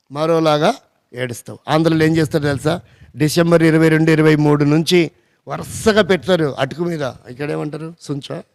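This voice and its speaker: A man's voice: a little high, dry recording. A male pastor preaching a sermon, telling stories and acting out the dialogue with animation. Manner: animated, acts out dialogue in a rising voice. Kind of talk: sermon with storytelling.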